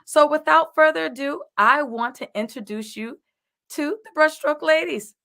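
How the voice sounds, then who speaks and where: A woman's voice: high-pitched, moderate pace, creaky, pushed and bright. Upbeat woman hosting a video chat. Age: 30s. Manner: upbeat, affirming, repeats "I love it". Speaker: host. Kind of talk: casual chat. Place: online live chat, video call.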